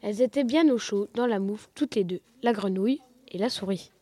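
A woman reading a children's story aloud in an expressive, lively way. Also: mid-range voice, a little fast, no echo. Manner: expressive, lively read-aloud with rising excitement.

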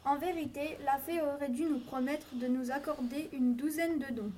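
A woman's voice: sits high, fairly even intonation, normal speed, warm tone, close to an everyday voice. A woman reading the part of a poor wife in a storybook tale, wishful and exclamatory. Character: poor wife, greedy and impulsive.

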